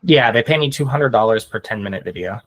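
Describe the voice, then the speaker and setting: A man's voice: medium pitch, animated, fast. A man explaining things in casual conversation like a teacher, hesitantly thinking aloud.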